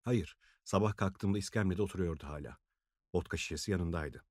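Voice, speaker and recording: A male audiobook reader voicing an anxious, fretful young woman who talks in a worried, hurried way. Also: low voice, a little mellow, dry recording, clean studio sound.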